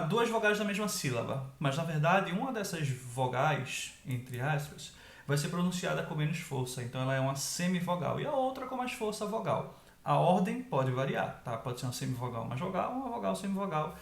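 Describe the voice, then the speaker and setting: A man teaching an online grammar lesson, explaining step by step and checking in with quick tag questions. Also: sits high, vocal fry, echoey room.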